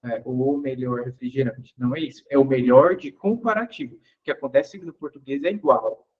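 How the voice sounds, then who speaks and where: A man's voice: medium pitch, moderate pace, husky, narrow, tinny audio. A man teaching English grammar in an online class. He explains patiently, asks the class questions and repeats each example.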